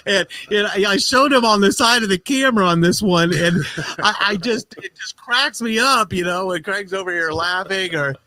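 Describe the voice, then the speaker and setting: A man co-hosting a live online show, chatting casually, jokey and quick to laugh, over a video call. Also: sits high, bright, forceful tone, no room sound. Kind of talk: casual chat.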